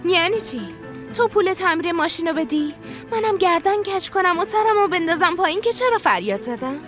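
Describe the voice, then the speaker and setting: An actress voicing a proud, quick-tempered young woman doctor in a dubbed TV drama. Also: sits high, animated, soft background music. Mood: indignant. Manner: sharp and indignant when angry.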